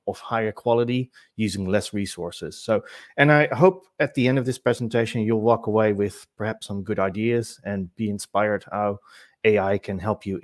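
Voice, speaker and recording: Low-voiced Dutch-born man presenting. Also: no echo, clean studio sound. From Netherlands. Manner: conversational, with many fillers and self-corrections. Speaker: webinar speaker. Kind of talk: presentation talk.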